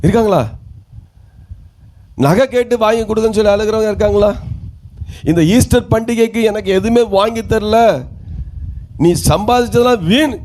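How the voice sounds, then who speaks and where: High-voiced preaching man from Tamil Nadu. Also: fairly even intonation, moderate pace, long pauses, darkish tone. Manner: preaching with questions to the congregation and calls of hallelujah. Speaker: pastor. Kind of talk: sermon.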